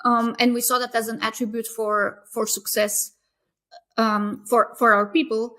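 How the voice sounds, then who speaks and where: Founder guest, female, fairly high voice, casual and reflective with lots of ums. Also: little pitch movement, measured pace, pushed and bright. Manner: thoughtful, many fillers and restarts. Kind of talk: casual interview answers.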